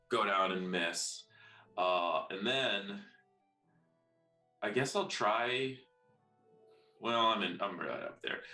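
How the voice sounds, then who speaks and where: Dude at a tabletop game calling his moves, really deep voice, roomy sound. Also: bright, forceful tone. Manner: informal, thinking aloud. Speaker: tabletop role-playing player. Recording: roomy echo, faint music behind.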